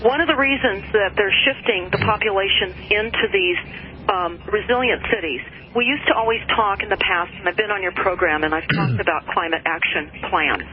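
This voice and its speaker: A woman from the United States speaking as a radio show guest, earnest and alarmed about conspiracies, with halting ums. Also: mid-range voice. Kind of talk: talk radio commentary. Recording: dull phone-in audio with noise.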